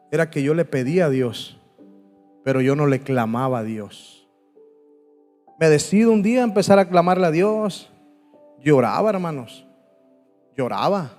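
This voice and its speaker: A man giving an impassioned testimony sermon, swinging from loud pleading to hushed tones. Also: a little high. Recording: long hall reverb with soft music.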